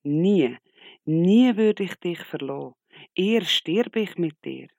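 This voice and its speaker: A man voicing Peter, an impulsive and devoted disciple who protests loudly. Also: high-pitched, expressive, slow pace, creaky, dry recording, clean studio sound, voice pushed up, exaggerated voice. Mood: protesting. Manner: emphatic, protesting.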